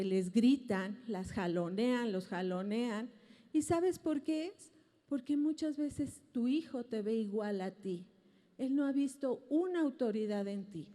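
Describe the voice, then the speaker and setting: A woman's voice: on the high side, mellow. A Mexican woman pastor preaching to a congregation about parenting, earnest and emphatic, often asking the audience rhetorical questions. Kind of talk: family teaching sermon to a congregation. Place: large auditorium. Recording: long auditorium reverb.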